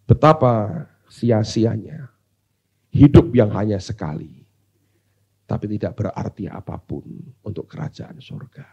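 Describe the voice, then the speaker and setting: Man, pastor, sermon, husky, very lively pitch, hushed asides and loud exclamations. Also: a little slow, long pauses, highs cut off.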